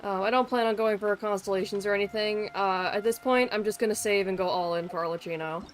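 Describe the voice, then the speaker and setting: A mid-range female voice moves at a quick pace as she streams a game. She keeps up casual, rambling chatter with teasing and the odd swear word, backed by music.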